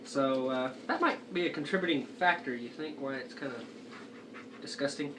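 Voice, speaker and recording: A man's voice: medium pitch, moderate pace. A young man giving a casual review as he chats, talking with a lip full of dip. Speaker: amateur product reviewer. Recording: noisy, distant home video microphone.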